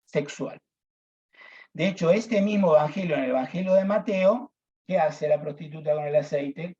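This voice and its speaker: A deacon teaching a Bible class, emphatic, repeating key phrases and addressing listeners as brothers. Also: male voice, fairly high pitch, normal speed, dark tone, highs cut off.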